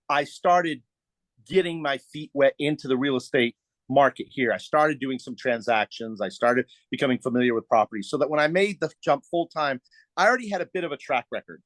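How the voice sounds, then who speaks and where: A man's voice: fairly high pitch, fairly bright tone, no room sound. A middle-aged man, a real estate agent, explaining at ease with fillers as a podcast guest. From United States. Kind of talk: podcast interview.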